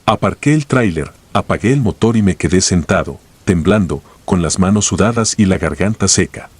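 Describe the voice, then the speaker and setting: A man narrates a scripted first-person horror tale. His voice sits very low and has a husky, rough-edged grain. He tells the story in a slow, grave way. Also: expressive, no echo.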